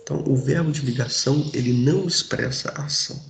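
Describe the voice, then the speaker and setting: A man's voice: mid-range voice, fast, gravelly, roomy sound, a little hiss or hum. A man teaching a Portuguese grammar lesson in a casual, informal way, checking in with his students often. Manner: informal, addresses students directly with frequent checks.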